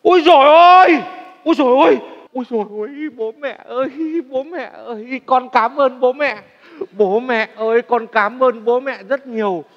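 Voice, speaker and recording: An actor playing a loud, naive grown son in a stage comedy sketch. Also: male voice, very high voice, steady tone, moderate pace, long reverb tail, lo-fi sound. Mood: excited. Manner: loud and exclamatory.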